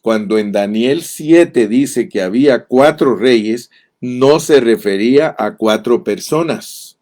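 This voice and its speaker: A man's voice: medium pitch, lively intonation, a little mellow. A man teaching from the Bible as a pastor, reading verses aloud with emphasis and addressing his listeners directly. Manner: slow, deliberate, reads verses aloud emphatically.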